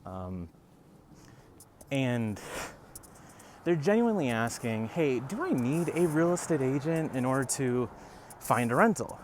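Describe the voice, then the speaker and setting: Man, realtor, casual rant, wry sarcastic asides, lively up-and-down pitch, slightly winded. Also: measured pace, long pauses, a little hiss or hum. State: out of breath while walking uphill. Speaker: realtor vlogger. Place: outdoors, walking.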